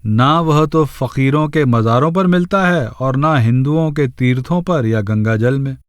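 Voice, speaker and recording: Slow, measured male audiobook narrator. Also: mid-range voice, smooth, no room sound, studio quality. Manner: measured, reads verses slowly in a chanting cadence. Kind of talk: scripted narration of a spiritual audiobook.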